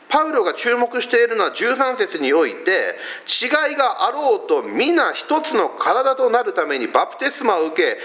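A man's voice: high-pitched, bright, forceful tone. A man from Fukuoka with a Hakata accent, preaching a sermon in a conversational way, with many rhetorical questions. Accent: Hakata dialect. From Fukuoka, Japan. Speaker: pastor.

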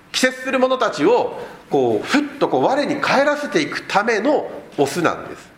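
A man preaching a sermon as a pastor, explaining the text and asking rhetorical questions of the congregation. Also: fairly high pitch. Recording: echoey room.

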